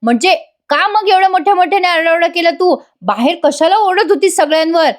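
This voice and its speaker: A woman's voice: extremely high pitch, animated, brisk, voice pushed up. A woman voicing an exasperated young husband who questions and scolds his wife, in a serial retold as a story. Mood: scolding.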